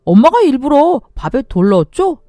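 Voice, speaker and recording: Lady doing a grown son yelling at his mom in a radio story, warm voice, dry sound. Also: extremely high pitch, expressive, a little fast, no room sound, soft background music. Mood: accusing. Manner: raised, accusing voice. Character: angry grown son accusing his mother.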